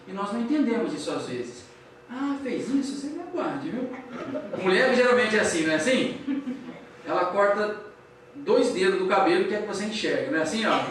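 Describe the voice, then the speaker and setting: A man giving a storytelling lecture to an audience, acting out dialogue and asking the audience questions. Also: high-pitched. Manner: animated, acts out dialogue, asks the audience questions. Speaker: speaker at a Spiritist public lecture. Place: large hall with audience. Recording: distant mic, very echoey hall, faint hiss.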